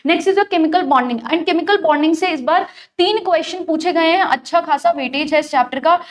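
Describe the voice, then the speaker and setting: A woman's voice: extremely high pitch, moderate pace. A young woman, a chemistry teacher, giving an exam-prep lecture, explaining step by step and mixing English terms into her speech.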